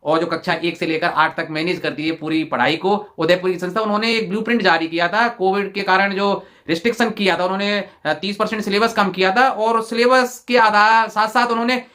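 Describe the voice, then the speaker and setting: Male teacher from Rajasthan, high voice, step-by-step answer walkthrough, slow word drills. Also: fairly even intonation, bright, forceful tone. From Rajasthan, India. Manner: explains step by step, repeats "dekhiye", drills pronunciation slowly.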